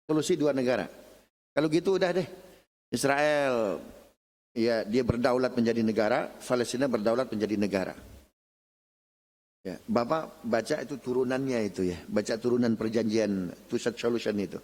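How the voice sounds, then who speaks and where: A middle-aged Indonesian man giving a casual religious lecture at a mosque, telling lively stories and addressing his listeners directly. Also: mid-range voice, normal speed. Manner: animated storytelling, often addressing listeners as "Pak". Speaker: lecturer at a mosque study session. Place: mosque hall. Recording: long reverb of a mosque hall.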